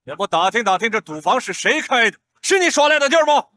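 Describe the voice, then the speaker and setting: A man's voice: very high-pitched, big pitch swings, quick pace, sharp tone, exaggerated voice. An actor playing a hot-tempered male gambling-house boss in a costume TV drama, barking orders with swagger. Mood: menacing.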